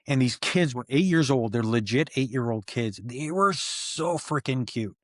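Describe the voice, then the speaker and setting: A man, a stuntman guest, telling set stories in an excited, animated way and acting out quoted dialogue. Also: medium pitch, moderate pace, dry recording, studio quality. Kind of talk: animated storytelling interview.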